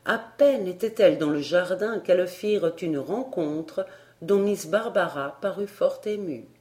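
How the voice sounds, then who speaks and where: A woman narrating a storybook audiobook at a slow, unhurried pace. Her voice sits a little low and sounds warm and mellow. The reading is steady throughout. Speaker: audiobook reader.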